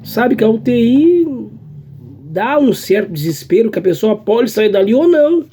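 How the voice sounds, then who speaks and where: A man tells his church testimony in an earnest, halting way, circling back over his own phrases. His voice sits high yet mellow, with a husky, breathy edge. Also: big pitch swings. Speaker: church member giving a testimony.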